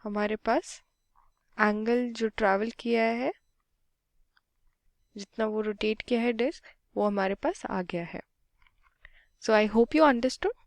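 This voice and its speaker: Woman physics tutor, very slow step-by-step working, higher voice, dry close sound. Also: gravelly, dry recording. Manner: unhurried, mixes Hindi and English, talks through each step aloud. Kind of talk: slow step-by-step problem solving.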